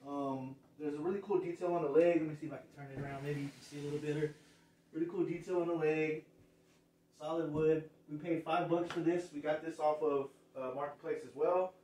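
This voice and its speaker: Man, 30s, casual show-and-tell, slightly high voice, recorded far off in a roomy space. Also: steady tone, a little fast, dark tone, slight background noise. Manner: rambling, restarts phrases, points out details. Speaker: thrift reseller showing a haul. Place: living room, indoors. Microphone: far camera. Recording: echoey room, far from mic.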